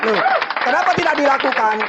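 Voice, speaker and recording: A man's voice: extremely high pitch, expressive, quick pace, muffled recording, over a noisy crowd, heavy background noise. A man with an Indonesian accent in a heated debate, urging the other side to listen and explaining with an everyday comparison. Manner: pleading for attention, explains by analogy.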